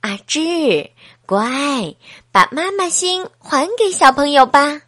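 A woman voicing a gentle, patient female teacher in a storybook, coaxing and warm. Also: high-pitched, very animated, slow, dry recording, studio quality, heavily acted.

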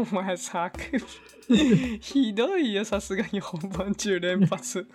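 A man co-hosting a podcast in casual chat, easygoing and quick to laugh, often answering in short replies. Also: high voice, faint music behind. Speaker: podcast co-host.

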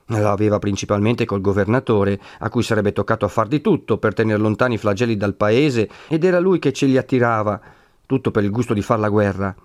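A man narrating a classic novel in a steady, measured reading. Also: lowish voice, dry recording, clean studio sound.

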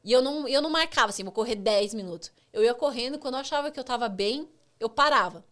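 A woman in her thirties with a Brazilian Portuguese accent, sitting in as a podcast guest. She tells her stories in an animated way, laughs often, and acts out the dialogue of the people in them. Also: high voice, racing. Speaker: podcast guest, former tennis player. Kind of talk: casual storytelling chat.

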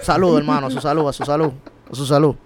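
A man's voice: fairly high pitch, steady tone, fast. A man co-hosting a casual podcast chat, teasing his friends and laughing often. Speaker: podcast co-host.

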